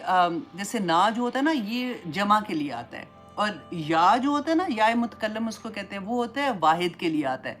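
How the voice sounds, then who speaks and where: A woman teaching a Quran commentary lesson in a mid-pitched voice, telling stories with feeling and dropping English phrases into her Urdu. Faint music plays softly behind her. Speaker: Islamic teacher.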